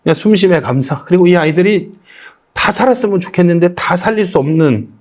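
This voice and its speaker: A man with a high voice tells his faith story in relaxed conversation. He acts out his own prayers with feeling. Now and then he breaks into lines of a hymn. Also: brisk. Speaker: guest comedian sharing testimony. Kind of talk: emotional testimony in a casual chat.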